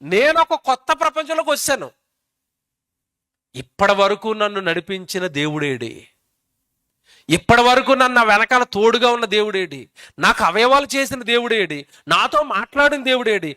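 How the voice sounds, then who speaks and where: A man's voice: high voice, sing-song, moderate pace, pauses often, pushed and bright, no room sound, clean studio sound, voice pushed up, heavily acted. A man acting out the plaintive questions of a newborn baby who is lost and bewildered.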